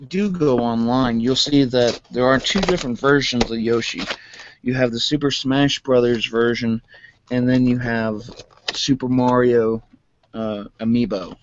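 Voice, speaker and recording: A man with a self-described monotone voice chatting casually through a toy unboxing, rambling with lots of fillers. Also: medium pitch, dull audio, slight background noise. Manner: rambling, many fillers, calls own voice monotone. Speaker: vlogger.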